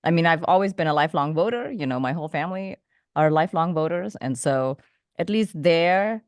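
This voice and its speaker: Low-voiced woman from Indonesia. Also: lively intonation, darkish tone, dry recording, studio quality. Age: adult, came to the U.S. as a teenager. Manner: thoughtful, measured, with small restarts. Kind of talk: interview answers.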